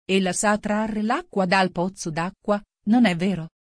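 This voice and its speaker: A woman's voice: medium pitch, fairly even intonation, unhurried, no room sound, close to an everyday voice. Storybook hatter, a quarrelsome man, curt and rude, read by a woman; dry recording.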